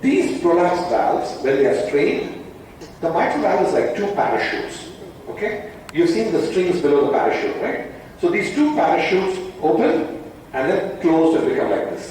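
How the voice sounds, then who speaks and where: Fast-talking man with a Tamil Indian accent. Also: fairly high pitch, darkish tone. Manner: didactic, with short rhetorical questions. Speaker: doctor presenting at a hospital event. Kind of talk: explanatory talk to an audience. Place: stage in an event hall. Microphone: headset. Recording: echoey hall from far off, faint noise.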